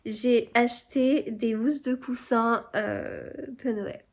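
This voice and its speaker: A woman's voice: on the high side, steady tone, takes it slowly. A woman chatting casually to her viewers in a home vlog, hesitant and full of fillers and restarts. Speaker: vlogger. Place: home indoors.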